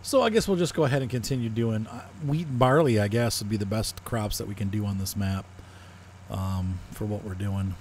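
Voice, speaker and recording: A man's voice: on the low side, brisk, a little hiss or hum. A man casually talking through a farming simulator playthrough, thinking aloud with frequent fillers. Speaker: gaming video host. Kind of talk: casual farming-sim commentary.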